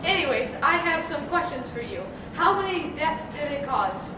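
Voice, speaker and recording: A woman's voice: high-pitched, very animated, moderate pace. A seventh-grade girl presenting as a parody news anchor with scripted lines. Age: young adolescent, about 12 to 13. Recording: noisy, echoey room, distant mic.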